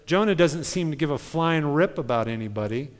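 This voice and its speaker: A man's voice: on the high side, lively intonation, brisk, big-room sound. A male pastor preaching a sermon in a conversational storytelling manner, driving points home with rhetorical questions.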